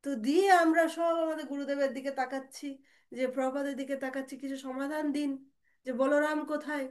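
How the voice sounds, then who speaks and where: A woman telling a devotional story in an animated, dramatic way. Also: sits high, fast.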